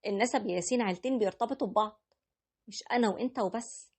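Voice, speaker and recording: A gentle young bride, as a woman reader puts her on speaks in a soft, polite storybook voice, a little higher than the narration. Her words come fast, with a husky edge. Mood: hurt.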